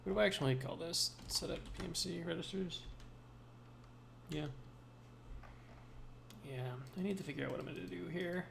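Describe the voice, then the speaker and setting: A man on a coding livestream, thinking aloud and hedging as he works. His voice sits a bit high and has a gravelly fry. Soft keyboard clicks sit faintly behind him. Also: moderate pace, pauses often, slight background noise. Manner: mumbling to himself, self-talk with hedges. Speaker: programmer livestreaming his work.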